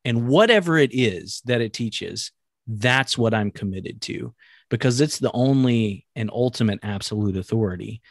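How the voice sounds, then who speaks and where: An earnest man co-hosting a faith-based talk show, speaking in a middle-pitched voice. He talks in a measured way, pausing often on ums and restarting his sentences. The recording is dry and close, with no room sound. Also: vocal fry, dry recording.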